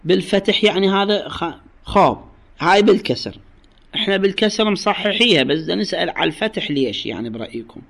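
Gravelly Iraqi man teaching religious law. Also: high-pitched, expressive, quick pace, a bit bright. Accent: Iraqi Arabic. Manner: explains patiently, repeats phrases, quizzes students. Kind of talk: classroom lecture on jurisprudence.

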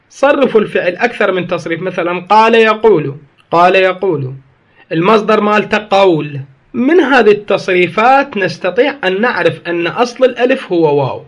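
A man with an Iraqi accent teaching Arabic grammar as a lecture, slowly repeating key phrases for emphasis. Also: sits high. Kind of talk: explanatory lecture. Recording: dull lo-fi recording.

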